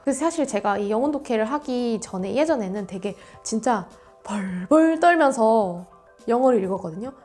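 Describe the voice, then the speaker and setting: A woman's voice: on the high side, lively intonation, moderate pace, darkish tone, soft background music. A woman teaching an exam-prep English lesson in an emphatic, coaching way. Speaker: English tutor.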